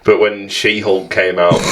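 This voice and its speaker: A young man with a fairly low voice, chatting over drinks on a podcast. He is blunt and dismissive and swears a lot. A faint hiss sits under his voice. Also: level tone, takes it slowly, a bit bright. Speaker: podcast co-host. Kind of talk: casual chat over drinks.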